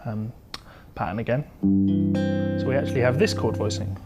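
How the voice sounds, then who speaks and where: A guitar teacher with a medium-pitched voice and moderate pace takes his student through the lesson step by step. His tone is conversational and instructional, and an electric or acoustic guitar plays in the background.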